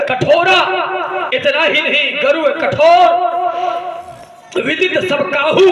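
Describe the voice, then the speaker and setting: Hammy, high-pitched grieving King Janak. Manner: hammy, theatrical, drawn-out declamation. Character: grieving, proud King Janak, father of an unwed daughter. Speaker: Ramlila stage actor. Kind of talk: declamatory devotional stage drama with sung verses. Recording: echoey stage PA with loud music. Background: loud musical accompaniment.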